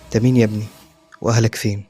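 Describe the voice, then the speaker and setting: A man's voice: lowish voice, little pitch movement, racing, mellow, faint music behind, natural voice. A man doing a wary, guarded villager. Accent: Egyptian. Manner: guarded, cautious questioning. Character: uneasy village man, wary, trying to look brave.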